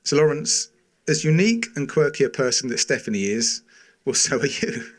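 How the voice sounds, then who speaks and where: A middle-aged man delivering a prepared father of the bride speech in a sincere, affectionate, gently humorous way, pausing between short phrases. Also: mid-range voice, expressive.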